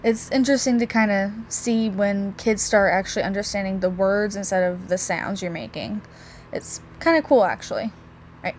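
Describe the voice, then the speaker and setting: Young female student, relaxed chatty delivery, middle pitch, faint room noise. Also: normal speed. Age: young adult. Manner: casual, with many likes and restarts. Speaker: student presenter. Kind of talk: class presentation.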